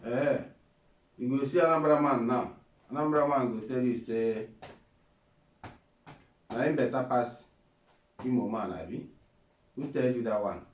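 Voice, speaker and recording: Speaking a little slowly with long pauses, this mid-range male voice belongs to an Igbo-accented Nigerian vlogger delivering an informal pep talk. He preaches, circles back on the same phrases, and poses rhetorical questions. Captured from afar, the audio sounds roomy and slightly off-mic.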